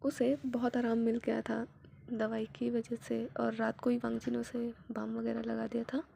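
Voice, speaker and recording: A woman reading a fanfiction story aloud, voicing the characters herself, sliding from hushed whispers to loud, emotional outbursts. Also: on the high side, completely flat delivery, normal speed, creaky, a little hiss or hum. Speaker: fanfiction narrator. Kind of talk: dramatic story reading with voiced dialogue.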